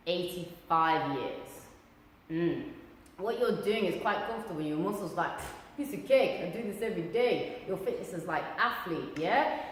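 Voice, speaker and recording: A woman giving a casual fitness talk as a coach, bubbly and cheeky, with whoops and asides. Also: fairly low pitch. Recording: echoey hall with faint noise.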